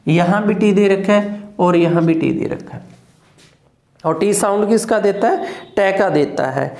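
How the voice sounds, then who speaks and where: A man who speaks as his teaches English phonetics, going very slowly and saying each word several times over. He often stops to ask whether the class follows. His voice carries the echo of a hard-walled room. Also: high-pitched, a little mellow. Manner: slow, repeats each word several times and checks with "clear?". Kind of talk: phonetics lesson. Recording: echoey room.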